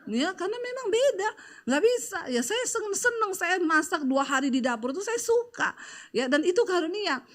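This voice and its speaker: A woman's voice: extremely high pitch, very animated, moderate pace, fairly bright tone. A middle-aged woman pastor, preaching in a chatty, storytelling way with lots of fillers. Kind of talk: conversational sermon with personal stories.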